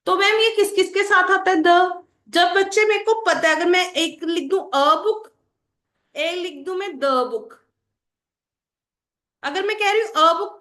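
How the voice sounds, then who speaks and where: High-voiced woman teacher, echoey room. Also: fairly bright tone. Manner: asks the class questions and answers them herself; addresses students as children. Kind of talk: explaining English grammar to students. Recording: roomy echo.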